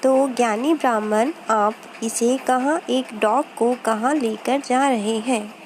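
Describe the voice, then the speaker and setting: A woman teacher with a high voice talks slowly and patiently through a lesson for children. She repeats words aloud for them to copy and mixes in English terms. Plain room noise hums steadily under her voice in this home recording. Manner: slow and explanatory, mixing Hindi with English terms.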